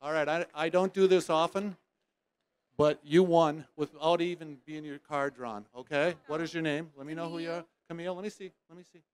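Man, trade-show emcee, playful teasing patter, slightly high voice, smooth clear tone, dry close sound. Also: brisk, dry recording. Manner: teasing, playful, loud bursts of excitement. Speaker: host drawing prize winners.

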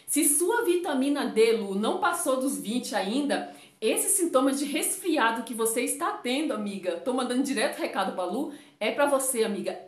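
Woman vlogger from Brazil, fairly high voice, chatty and personal, a bit sniffly, recorded in a roomy space. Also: lively intonation, moderate pace. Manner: chatty, addresses viewers as gente. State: runny nose. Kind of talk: casual chat to camera.

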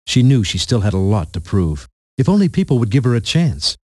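A man's voice: medium pitch, big pitch swings, a little fast, darkish tone, dry recording, clean studio sound. A man narrating a storybook game in a playful, punning storyteller manner.

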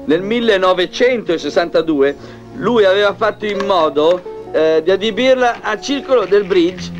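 High-pitched, pompous middle-aged factory owner. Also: male voice, lively intonation, moderate pace. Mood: boastful, rambling. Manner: rambling, stammering hesitations. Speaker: film actor. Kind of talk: 1970s Italian film comedy acting. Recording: dull old film soundtrack with music.

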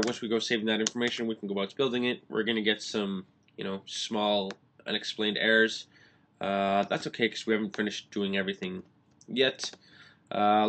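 A young man hosting a screen-recorded coding tutorial, talking quickly with constant "uh" fillers. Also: on the low side, fairly bright tone, slight background noise. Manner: fast, filler-heavy explaining with many "uh"s. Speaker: app developer tutorial host.

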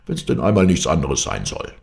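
A man's voice: a bass voice, sing-song, moderate pace, creaky, full character voice. A man voicing a wry, grumbling, skeptical male friend in an audiobook fairy tale.

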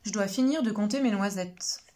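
A woman's voice: mid-range voice, normal speed, mellow, natural voice. A woman voicing an overbusy squirrel in a storybook, flustered and fussy.

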